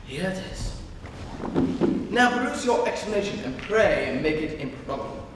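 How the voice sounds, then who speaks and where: A teenage male student playing a flippant, teasing young Victorian gentleman in a dramatic stage reading, with an arch, theatrical manner. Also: sits high, big pitch swings, normal speed. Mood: playful, prying. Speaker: student actor. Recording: distant, very echoey hall, noisy.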